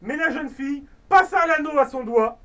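A woman's voice: sits high, lively intonation, moderate pace, a bit bright, recorded from a distance, rough recording. A woman reading a fairy tale aloud, slipping into playful, chatty asides. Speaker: storyteller.

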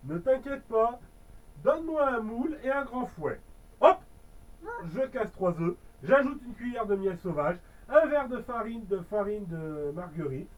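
A greedy, cheerful little elf from a storybook, as a man puts him on, talking in a playful sing-song. The voice sits high. It sounds a bit off-mic. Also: sing-song, a little slow, distant mic, narrow, tinny audio, heavily acted. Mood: helpful.

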